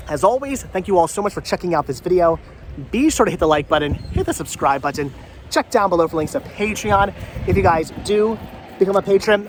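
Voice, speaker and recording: Slight background noise accompanies a middle-aged man whose fairly high voice is stuffed up with a head cold. He's a vlog host chatting casually to viewers, rambling on and repeating phrases.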